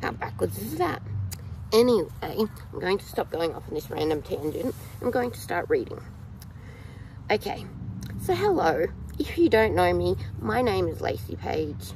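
A woman in her thirties with an Australian accent, chatting to her phone camera outdoors in a rambling, animated way. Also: lowish voice, moderate pace, a little hiss or hum, poor audio. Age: 30s. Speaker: vlogger. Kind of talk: casual talk to camera. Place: outdoors in a yard, in shade. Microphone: phone camera held low at arm's length.

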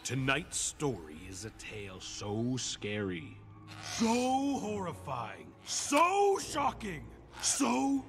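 A man voicing a goofy, dim-witted cartoon monster who plays spooky storyteller with slow, theatrical villain menace. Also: mid-range voice, huge pitch swings, over music, exaggerated voice. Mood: mock menace. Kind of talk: cartoon narration in character.

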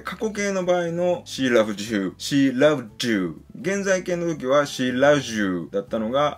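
A man giving a casual pronunciation lesson, patiently explaining and slowly sounding out example syllables and words. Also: mid-range voice. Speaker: English pronunciation teacher.

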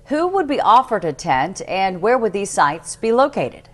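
A woman's voice: mid-range voice, very animated, moderate pace. Woman anchor, mid voice, pushes with direct questions. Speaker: news anchor. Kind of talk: TV news interview.

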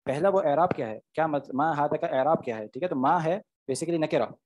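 A man's voice: a little high, a little fast, a little mellow. A man, teaching Arabic grammar in an online class, explaining step by step and often checking "okay?" with his students.

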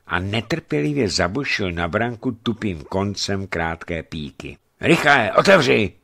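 A man reading a novel aloud as narrator, in a calm, measured way. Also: sits low. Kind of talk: scripted audiobook narration.

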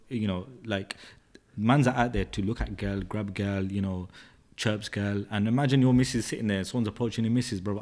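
A man's voice: on the low side, darkish tone. A man, hosting a podcast in an easygoing, casual way. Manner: easygoing, backchannels a lot. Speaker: podcast host. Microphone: desk-mounted broadcast mic.

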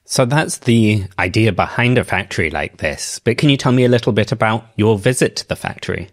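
Lower-voiced man hosting a science podcast. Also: expressive. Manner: brisk, curious questions and links to clips. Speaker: podcast host. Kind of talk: interviewing a reporter.

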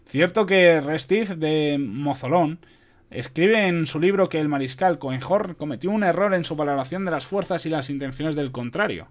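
A man's voice: fairly high pitch, pitched above the performer's own voice, lightly acted. A man voicing a young military cadet reciting an answer in class. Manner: recitation, earnest.

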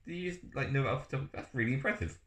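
A man co-hosting a podcast, chatting casually in a quick, joking way. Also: medium pitch, lively intonation, fairly bright tone. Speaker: podcast co-host. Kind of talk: casual chat. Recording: echoey room, background noise.

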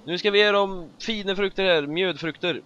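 A man giving casual gameplay commentary as a let's play host, excitable and swearing often as he jokes about the game. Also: high voice, smooth. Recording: dull lo-fi recording with faint music.

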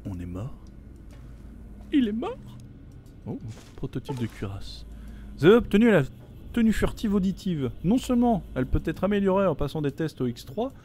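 A man's voice: fairly high pitch, dark tone, a little hiss or hum. A man giving casual let's-play commentary, joking, swearing and reading game text aloud. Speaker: gameplay commentator. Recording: faint game music behind.

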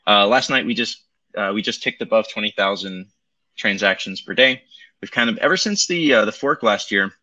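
A man's voice: lowish voice, moderate pace, pushed and bright. A man talking casually through a tinny Bluetooth mic, rambling loosely with lots of ums as he walks through crypto charts on a livestream. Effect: tinny Bluetooth mic sound. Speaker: crypto market commentator. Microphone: Bluetooth headset.

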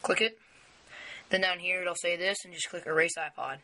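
A young tech video maker who is losing his voice walks viewers through a phone setup, his camera pointed down at the device on a wooden table indoors. His voice sits high with fairly even intonation and a sharp tone at normal speed, and he rambles casually with many fillers over poor audio.

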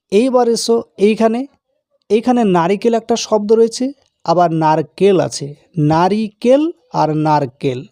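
A man explains grammar the way a classroom teacher does, patient and repetitive, often putting a question to the learner before he answers it himself. His voice sits high for a man yet sounds mellow and dark. The recording is close and dry, with no room sound. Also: no room sound. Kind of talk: classroom-style grammar lesson.

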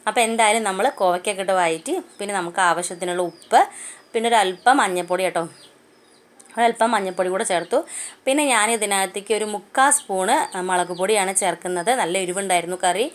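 A woman's voice: mid-range voice, quick pace. A woman with a Malayali accent hosting a home cooking video, chatting as she cooks and recorded on a phone in her kitchen. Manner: chatty, homely, keeps adding "kettō" asides. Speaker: cooking channel host. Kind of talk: casual cooking vlog narration.

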